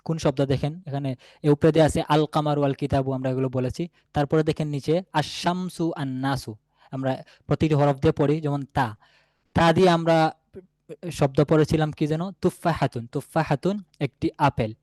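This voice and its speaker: Male teacher, slightly high voice, patient, repeats each word slowly, dry booth-like sound. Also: fairly even intonation, a little mellow, dry recording. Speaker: Arabic teacher. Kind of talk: classroom lesson.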